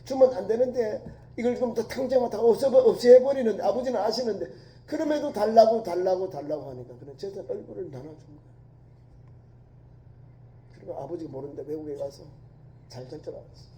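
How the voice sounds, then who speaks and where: A male pastor preaching a sermon, telling a story with emphasis and dropping from loud to hushed. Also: high voice, lively intonation, fairly quick. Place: church sanctuary. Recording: echoey church hall.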